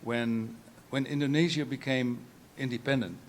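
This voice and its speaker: An older man from the Netherlands with a Dutch accent, speaking at a panel talk in a meandering way, restarting phrases and clearing his throat. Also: mid-range voice, fairly even intonation, normal speed, slight background noise. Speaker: photographer, guest artist.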